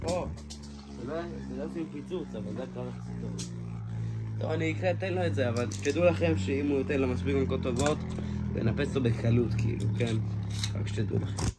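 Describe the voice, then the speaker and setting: Excitable gravelly man in a noisy toy review. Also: medium pitch. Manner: excitable, exclaims often, restarts sentences. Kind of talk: casual hands-on toy review. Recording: noisy home recording with clicks.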